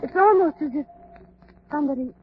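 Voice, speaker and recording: An actress playing an anxious, spirited mystery heroine in an old radio drama, melodramatic in manner. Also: female voice, high voice, fairly quick, natural voice. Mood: wondering. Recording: muffled, hissy vintage radio recording.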